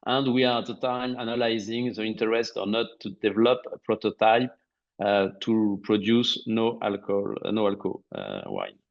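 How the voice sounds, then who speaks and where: A man's voice: fairly low pitch, animated, vocal fry. Hesitant French-accented man on a call. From France. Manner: hesitant, many filler sounds, careful slow English. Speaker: webinar speaker, company co-founder. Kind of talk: presentation on a video call. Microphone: video call. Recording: dull lo-fi call audio.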